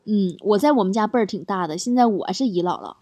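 A woman's voice: mid-range voice, expressive, fast talker. A woman hosting a chatty show, playfully reading out listener jokes and teasing her audience. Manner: playful, teasing, laughs between stories. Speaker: radio-style host reading listener messages. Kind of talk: casual chat, reading jokes aloud. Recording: noisy recording.

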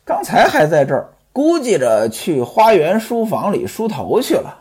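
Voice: medium pitch, huge pitch swings, normal speed, a little mellow, breathy edge, exaggerated voice. A storyteller voicing an obliging young servant boy.

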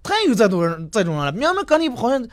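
A man's voice: very high-pitched, wildly swooping pitch, fast talker, noisy background. A male radio host talking casually on air, telling stories and acting out the people he quotes. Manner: chatty storyteller who acts out the people he quotes. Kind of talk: casual radio talk monologue.

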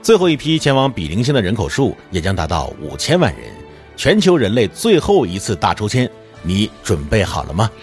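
A man playing a glib television news anchor with smooth announcer delivery, in an audio drama. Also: on the low side, wildly swooping pitch, a little fast, faint music behind. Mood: announcing.

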